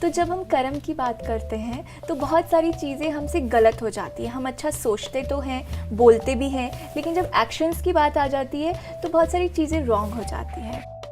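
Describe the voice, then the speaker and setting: Female host of a children's show, high-pitched, encouraging, music bed behind. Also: moderate pace. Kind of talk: moderating a panel. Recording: background music under voice.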